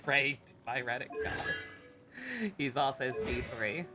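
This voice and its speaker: A woman streamer gives casual live game commentary in a rumbling low voice at a slow pace. She's chatty, sarcastic and sweary, and video game music plays behind her.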